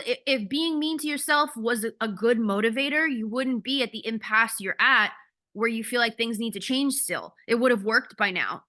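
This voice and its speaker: A woman coaching a group over a video call, speaking candidly and bluntly with the odd casual curse. Her voice sits a little high and sounds bright and forceful. It comes through a video-call mic. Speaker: ADHD coach.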